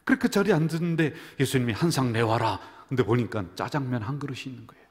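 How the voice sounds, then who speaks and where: A man, the senior pastor, preaching a sermon full of jokes and stories, swinging from loud calls down to near whispers. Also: mid-range voice, lively intonation, quick pace. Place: church sanctuary. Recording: church hall reverb.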